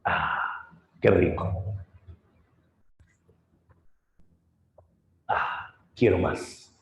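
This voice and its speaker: A man's voice: low-pitched, very slow, creaky, highs cut off, pitched below the performer's own voice, exaggerated voice. A man voicing a crude, gluttonous male cyclops giant, by turns growling and wailing, in a roomy-sounding recording. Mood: drunken. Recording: roomy echo.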